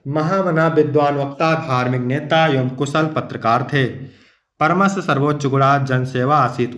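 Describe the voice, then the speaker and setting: A man's voice: medium pitch, fairly bright tone, reverberant. A male teacher giving an exam-preparation lecture, reading verses aloud and then explaining them, and calling his students his dear children.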